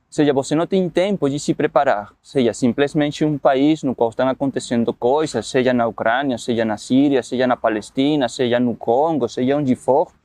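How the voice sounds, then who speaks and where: A man working in a university refugee program, speaking in a documentary interview. He explains his ideas in a reflective, measured way. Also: medium pitch, mellow, dry recording.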